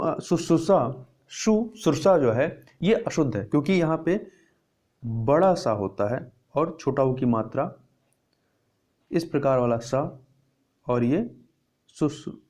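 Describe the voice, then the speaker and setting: A man's voice: a little high, warm tone. A male teacher working through exam questions. He explains step by step, repeats the answers and asks and answers his own questions. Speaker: Hindi teacher. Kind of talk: exam prep lesson.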